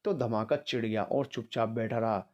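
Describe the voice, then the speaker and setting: A man narrating a written family story, reading all the characters' lines himself in a mostly even voice. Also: on the low side, normal speed, muffled recording.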